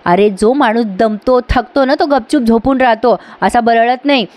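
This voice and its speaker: Brief: woman voicing a quarrelsome teasing wife, bright-ish pitch. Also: normal speed, natural voice. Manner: mocking, needling. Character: sharp-tongued young wife, teasing and quarrelsome.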